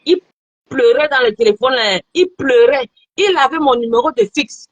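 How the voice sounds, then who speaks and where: A woman in her thirties telling a story in an animated, repetitive way during a casual chat. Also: sits high, moderate pace, dry recording, muffled recording. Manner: animated storytelling, repeats phrases.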